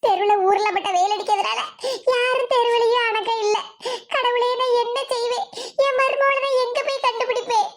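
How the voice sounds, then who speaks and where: A woman doing a shrill wailing old grandmother. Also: fairly even intonation, a little fast. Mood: lamenting. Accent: Kanyakumari Tamil. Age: over 70 (figure). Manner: lamenting, self-blaming. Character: grieving old village grandmother, fretful. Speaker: cartoon voice. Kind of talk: animated comedy voice acting.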